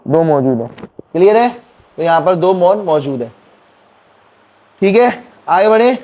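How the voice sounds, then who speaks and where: High-voiced teacher quizzing his class. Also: lively intonation, measured pace, dark tone. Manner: quizzing students, counting bones aloud. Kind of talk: classroom lecture with call-and-response questions.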